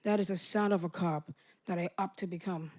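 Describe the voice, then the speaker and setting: A man's voice: sits high, fairly even intonation, brisk. A teenage boy in tenth grade performing a rhythmic spoken word poem at a meeting. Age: teens. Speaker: student poet.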